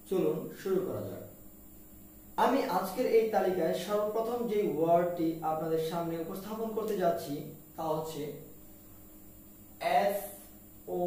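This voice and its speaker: High-pitched guy spelling out english words and drilling them, really echoey room, mic far off. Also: dark tone, slight background noise. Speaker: English teacher. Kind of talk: pronunciation lesson.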